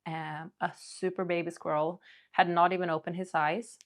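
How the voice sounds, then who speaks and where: A woman's voice: on the low side, little pitch movement, normal speed. A woman talking casually and candidly to her audience in a hesitant, rambling, confiding monologue, as a video creator.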